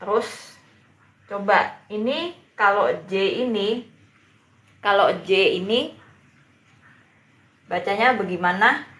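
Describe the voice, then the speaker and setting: A woman teacher speaks very slowly, going over each word again and again at an unhurried pace. Her voice rings in an echoey room. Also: medium pitch, a bit bright. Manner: patient, repeats words and drills pronunciation. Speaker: Mandarin teacher. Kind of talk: live-streamed beginner language lesson.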